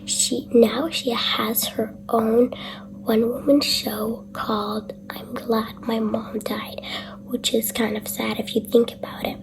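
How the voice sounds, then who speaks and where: A young woman talking in a hushed whisper, hosting a casual late-night vlog. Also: a little high, little pitch movement, creaky, rough recording. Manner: hushed whisper, slow and chatty. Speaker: vlogger.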